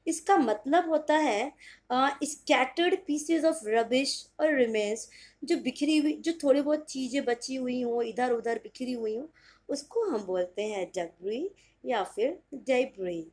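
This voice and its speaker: Slow-spoken Indian woman teaching English. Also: high voice, a little mellow. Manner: explains slowly, spelling words out letter by letter and repeating them; checks understanding with "clear?". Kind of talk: Hindi-English pronunciation lesson.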